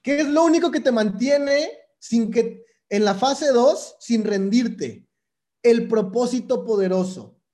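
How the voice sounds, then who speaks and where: A young man with a Mexican accent delivers a motivational talk in a loose, slangy way. He sits high in his range with a soft, mellow tone. He stresses his points by saying them twice. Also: slow pace. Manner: casual, slangy, emphatic with repetition. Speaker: motivational speaker. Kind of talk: motivational monologue.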